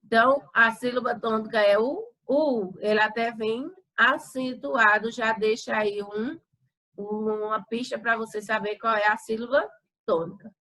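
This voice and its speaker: A woman's voice: a little high, fairly even intonation, a little slow, sharp tone, rough recording. A woman teacher with a Brazilian accent going over homework answers, patiently stretching words out syllable by syllable. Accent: Brazilian Portuguese. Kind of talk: explaining homework corrections.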